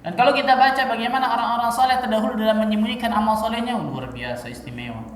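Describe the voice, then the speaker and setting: A man preaching a sermon in a lively teaching manner, full of rhetorical questions and casual asides. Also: sits high, quick pace. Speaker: Islamic preacher. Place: mosque. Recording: echoey hall, mic far off.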